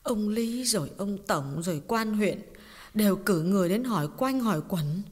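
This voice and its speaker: A woman voicing a grieving middle-aged mother in an audiobook drama, telling a painful story in a tearful, halting way with repeated words. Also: fairly high pitch, expressive, slightly rough. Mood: anguished. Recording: long reverb with background music.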